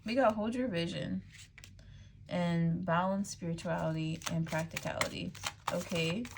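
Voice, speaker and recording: A woman's voice: on the low side, measured pace, vocal fry, slight background noise. A woman giving a casual tarot reading straight to her viewers, chatty and loose, full of "like" and "um". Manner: chatty, frequent "like" and "um", laughs easily. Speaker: tarot reader.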